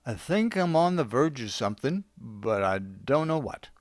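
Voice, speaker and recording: A man's voice: mid-range voice, very animated, no echo, studio quality, close to an everyday voice. A man doing a drunk, slurring fired office worker. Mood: drunkenly rambling. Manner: rambling, halting.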